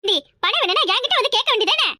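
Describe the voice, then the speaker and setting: A woman's voice: very high voice, expressive, racing, sharp tone, no room sound, clean studio sound, full character voice. A woman voicing a bossy but generous older mother-in-law in a cartoon, scolding and giving orders. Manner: scolding, commanding. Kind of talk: cartoon voice acting.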